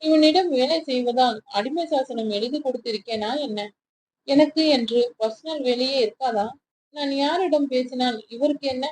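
A woman's voice: high-pitched, normal speed, a little mellow, a little hiss or hum, lightly acted, poor audio. A woman voicing a hurt, resentful young woman office worker, speaking in a wounded, questioning way.

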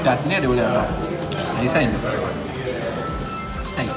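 A man's voice: mid-range voice, racing, roomy sound, loud music behind the voice. A man, a food vlogger chatting casually about a dish while chewing. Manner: enthusiastic, loose chatty phrasing. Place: busy old restaurant. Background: crowd chatter.

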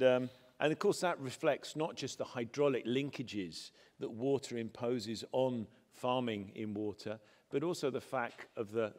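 A man on a conference panel, giving thoughtful, measured remarks with some fillers. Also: mid-range voice. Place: large conference hall stage. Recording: reverberant conference hall.

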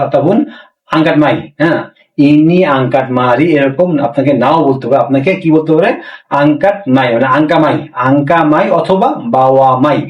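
A man's voice: fairly high pitch, recorded from a distance, dull audio. Man teaching phrases in an echoey room. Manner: slow, repetitive drilling of phrases with many fillers. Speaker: language teacher. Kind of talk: casual spoken language lesson.

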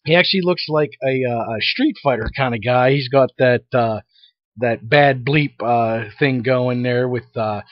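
A man's voice: medium pitch, measured pace, no echo, highs cut off. A middle-aged man, a dad reacting to anime characters in blunt, wry casual chat, full of ums and dry remarks.

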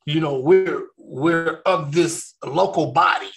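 A man from California hosts a ministry discussion about faith in a gravelly, somewhat bright voice on the high side. He talks slowly and earnestly, restarting his sentences often.

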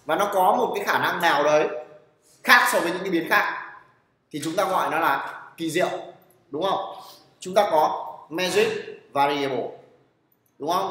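A man lectures a class on programming, his voice sitting a little high. He is blunt and teasing, constantly checking whether the students follow and putting them on the spot. The room is echoey, and a long reverb trails behind each phrase. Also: a bit bright. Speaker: programming teacher.

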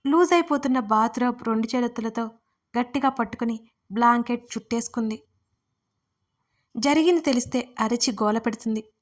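A woman's voice: a little high, moderate pace, pauses often. Woman narrating a romance story. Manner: voices the lovers' dialogue herself.

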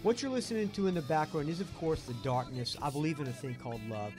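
A man's voice: on the high side, fast talker. A man with a Southern US accent hosting a rock podcast, talking in an enthusiastic, rambling way. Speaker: podcast host. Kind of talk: casual podcast intro and interview. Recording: rock music playing underneath. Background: rock music.

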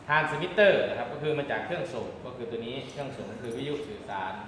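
A man's voice: mid-range voice, lively intonation, fast talker. A man giving a hands-on demonstration lesson as an instructor, explaining politely step by step. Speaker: radio communications instructor. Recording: very echoey room, background noise.

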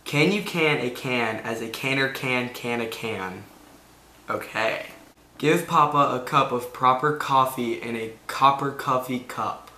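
A young man with a bright, forceful voice talks to camera like a casual vlogger. His delivery is informal and a bit halting. The room around him is noticeably echoey, picked up by a camera mic at home. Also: mid-range voice. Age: teens to young adult. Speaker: video host. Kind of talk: casual vlog chat.

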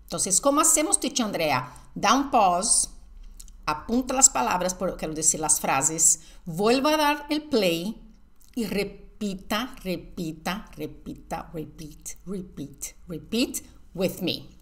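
A woman teaching an English lesson, drilling phrases with slow, emphatic repetition and answering her own questions. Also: medium pitch, sing-song, a bit bright. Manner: asks the viewer questions and answers them herself. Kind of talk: online language lesson.

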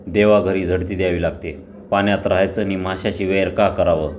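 A man's voice: low-pitched, steady tone, moderate pace, a little mellow, slight background noise, close to an everyday voice. A man reading a Marathi story aloud, voicing an old village woman who scolds and grumbles at her son. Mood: scolding.

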